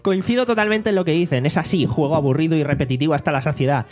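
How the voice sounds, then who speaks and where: A man's voice: a little high, fast, darkish tone, faint music behind. A man, hosting a casual podcast, reading out listener comments in a mocking, swearing tone. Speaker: podcast host. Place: home studio.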